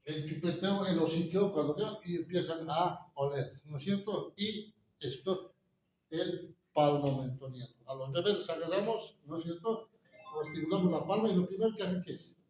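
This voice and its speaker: A man lectures to a class, checking in with the room through constant rhetorical questions. His voice sits a little high and comes from a distance. The room is very echoey, and the recording sounds dull and muffled, with faint noise behind it. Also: normal speed, a little mellow.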